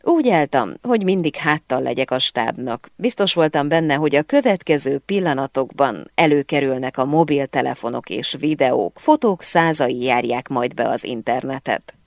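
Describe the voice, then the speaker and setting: A woman narrating a first-person novel aloud in an expressive storytelling manner. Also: rumbling low, no echo, studio quality. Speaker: audiobook narrator.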